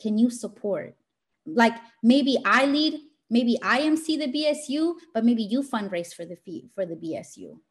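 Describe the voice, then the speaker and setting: A woman's voice: fairly high pitch, lively intonation, normal speed. A woman giving an informal motivational talk in an emphatic, scolding teacher voice, speaking directly and colloquially.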